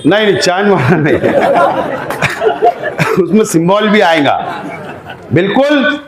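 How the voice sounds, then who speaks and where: High-voiced man rallying voters, echoey. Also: big pitch swings, takes it slowly, a loud crowd, very noisy. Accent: Maharashtrian Hindi-Urdu. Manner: exhorting, emphatic, rising to shouts. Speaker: election candidate. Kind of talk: campaign meeting speech. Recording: echoey room sound.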